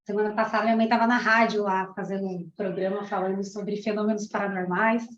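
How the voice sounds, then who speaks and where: A woman's voice: mid-range voice, steady tone, fast talker. A woman from Argentina, a parapsychologist and teacher in her thirties, giving an emotional, chatty testimonial to a class. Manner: warm, emotional, chatty, many "né"s. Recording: roomy, dull lo-fi room sound.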